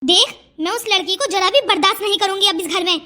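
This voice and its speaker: A woman's voice: very high voice, quick pace, pushed and bright. Woman doing a bossy scolding mother-in-law. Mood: angry scolding. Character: stern strict older Indian mother-in-law. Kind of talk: cartoon voice acting.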